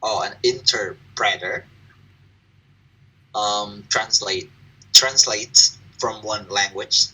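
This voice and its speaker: A man answers questions in an online English lesson, hesitant and quick to apologize for his mistakes. His voice is very bright and raspy. He sounds distant from the mic over the video call. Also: lowish voice. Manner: apologetic, self-deprecating, hesitant. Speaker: student. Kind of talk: online class participation.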